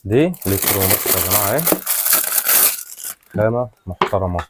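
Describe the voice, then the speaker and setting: A man with an Egyptian Arabic accent giving a casual, repetitive sales pitch, presenting products in colloquial patter addressed to customers. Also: lively intonation, moderate pace. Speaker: shop seller, product presenter. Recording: clearly noisy, rustling and clicking handling sounds.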